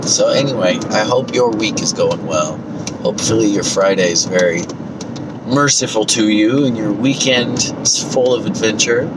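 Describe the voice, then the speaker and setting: A man's voice: on the low side, moderate pace. A man in his thirties with a stuffy nose from a cold, chatting casually as a vlogger, his voice a little worn. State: getting over a cold, coughing, voice tiring. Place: inside a moving car. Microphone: phone mounted at arm's length. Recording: loud car road and vent noise.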